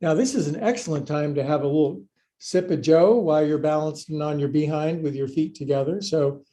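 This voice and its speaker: A middle-aged man with a slightly high, mellow voice teaches a live online yoga class. He takes his time, giving brief commands and counts, then slips into playful, folksy jokes. The room around him is clearly echoey. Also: a little fast. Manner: playful, folksy, joking asides and silly sound words. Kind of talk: live-streamed exercise class instruction.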